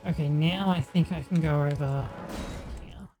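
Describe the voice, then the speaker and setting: A woman's voice: deep voice, normal speed, music in the background. A woman game streamer giving casual commentary as she plays, thinking aloud in a hesitant way.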